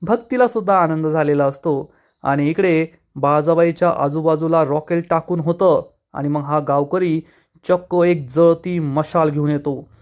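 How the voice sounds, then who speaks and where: A man's voice: a little high, moderate pace, a little mellow. A man retelling a TV serial episode, reading out the characters' lines with urgency as he goes. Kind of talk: dramatic plot recap narration.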